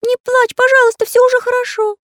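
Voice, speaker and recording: A woman voicing an excitable little male pencil artist in a storybook reading, squeaky, urgent and insistent. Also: a little fast, dry recording, clean studio sound. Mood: gentle. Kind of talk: storybook narration.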